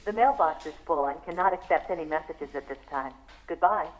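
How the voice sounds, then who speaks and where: A woman's automated voicemail announcement with crisp, clipped phrasing. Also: low-pitched, fairly quick, close to an everyday voice. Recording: thin, muffled telephone-line audio.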